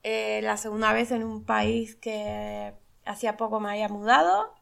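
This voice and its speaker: A woman's voice: mid-range voice, moderate pace, creaky, fairly bright tone. A middle-aged woman, talking casually as a podcast host, laughing and acting out the voices of people she quotes. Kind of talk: casual reflective monologue.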